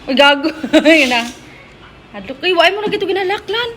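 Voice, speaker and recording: Woman vlogger, high voice, playful teasing chatter, noisy phone recording. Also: animated, normal speed, fairly bright tone. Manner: playful, teasing, laughs often. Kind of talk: casual teasing house-tour chat.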